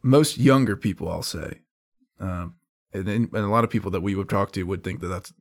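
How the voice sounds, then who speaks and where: Low-voiced man explaining his opinion. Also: normal speed. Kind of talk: casual music chat.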